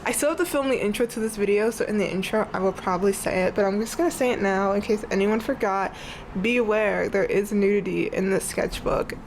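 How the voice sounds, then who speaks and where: This clip has a bit of hum and rough audio quality, with a young female art vlogger speaking fairly quickly in a mid-range voice. Congested and sniffly, she rambles happily while showing off her sketchbook from her bed, dropping "like" constantly.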